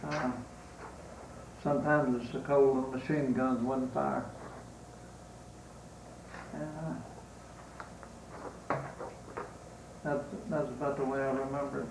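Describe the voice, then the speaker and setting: An elderly American man with a Southern accent, a war veteran remembering in an interview, halting with long pauses. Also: mid-range voice, level tone, gravelly. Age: 80s or older. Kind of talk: unscripted reminiscence in an interview. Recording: roomy, distant mic, faint noise.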